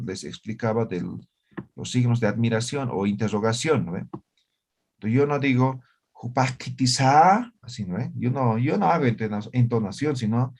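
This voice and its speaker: A man leading a virtual language class, walking students through grammar points one by one. He talks in a plain, middle-pitched voice. He checks in often with short questions to make sure everyone follows. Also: a little mellow. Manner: explanatory, checks understanding with frequent "¿ya?" and "¿no ve?". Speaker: Aymara language teacher. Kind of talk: online class lecture.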